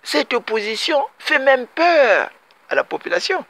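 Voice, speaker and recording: A man's voice: very high voice, very animated, unhurried, creaky, sharp tone, no echo. A man from Congo-Brazzaville giving an emphatic political commentary monologue, repeating his points and addressing his compatriots directly.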